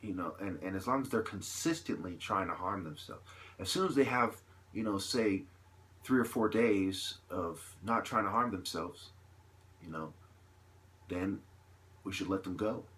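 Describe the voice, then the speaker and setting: Addressing his viewers without a script, a man with a fairly low voice and a fairly bright tone gives a heated opinion monologue. He hesitates between phrases while repeating points emphatically and asking rhetorical questions.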